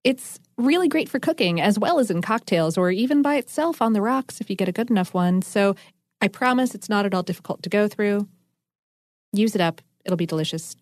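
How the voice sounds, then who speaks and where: A woman's voice: medium pitch, lively intonation, a little fast, a little mellow, dry recording. Chatty woman co-host, dry close mic. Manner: chatty, enthusiastic, explains with asides. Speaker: podcast co-host. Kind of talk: casual chat explaining food science.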